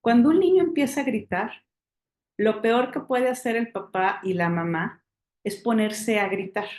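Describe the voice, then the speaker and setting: A woman's voice: on the high side, normal speed, roomy sound. A woman, a parenting expert explaining a technique and checking in with her listeners as she goes. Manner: warm, coaching, checks in with "¿sí?" and "ujú". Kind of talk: explaining technique to a live audience.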